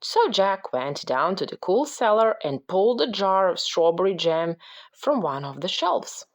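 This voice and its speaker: A woman reading a children's picture book aloud as a parent, with slow, expressive storytelling. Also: mid-range voice.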